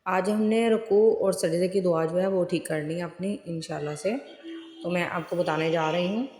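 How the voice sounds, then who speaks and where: A woman who teaches the Quran online, giving a recitation lesson and patiently breaking words into syllables that she repeats slowly. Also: fairly low pitch, a little mellow. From Pakistan. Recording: roomy echo with long reverb, faint music.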